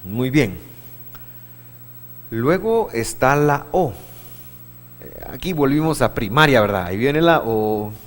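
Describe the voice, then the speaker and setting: A man teaching a church class, patient, asking the room questions, with many halting restarts. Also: medium pitch, lively intonation. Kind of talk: classroom lesson on Hebrew vowels. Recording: long hall reverb.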